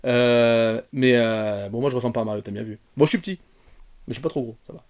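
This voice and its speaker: A man giving an off-the-cuff film review, rambling with many fillers and restarts, talking straight to his viewers and jumping from soft asides to loud outbursts. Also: mid-range voice, fast talker. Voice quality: bearded. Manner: addresses viewers directly. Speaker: retrogaming YouTuber.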